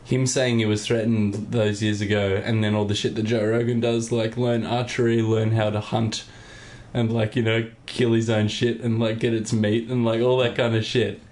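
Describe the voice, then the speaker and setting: A man's voice: on the low side, level tone, moderate pace, darkish tone. A man co-hosting a podcast in loose casual chat, swearing freely and laughing often. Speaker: podcast co-host.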